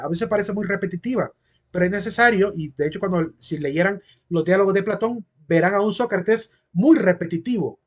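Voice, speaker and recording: A man gives a philosophy lecture to his class in a fairly high voice. He explains at length, circles back over his points and keeps asking whether they follow. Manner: explanatory, repeats phrases and asks "¿verdad?". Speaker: philosophy teacher.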